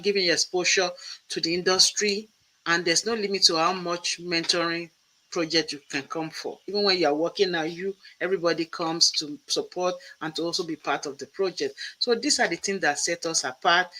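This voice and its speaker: Guy hosting an interview, kinda high, really bright edgy tone, laying things out point by point. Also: poor audio. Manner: emphatic, explanatory, lists points. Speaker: host and professor. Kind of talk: interview conversation.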